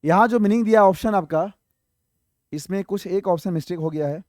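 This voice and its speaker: A brisk man with a high, slightly mellow voice teaches exam vocabulary in a dry, studio-quality recording. Each English word gets an explanation, a few get spelled out letter by letter, and he raises questions for viewers only to answer them himself.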